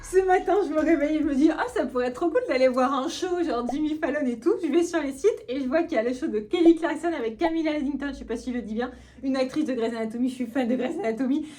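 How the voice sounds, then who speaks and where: A woman in her thirties from France, chatting excitedly in a casual travel vlog and laughing often. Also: high-pitched, quick pace. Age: 30s. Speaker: vlogger.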